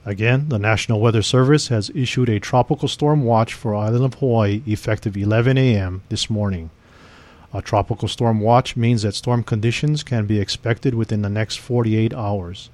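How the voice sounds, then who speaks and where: A man reading a civil defense emergency broadcast message in a formal, measured, official way. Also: on the low side, a little mellow.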